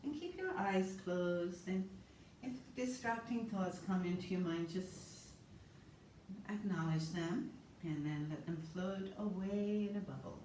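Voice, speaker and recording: A woman with a mid-range voice leads a yoga class, giving slow, soothing, calm cues. The sound is roomy, picked up by a distant mic with faint noise.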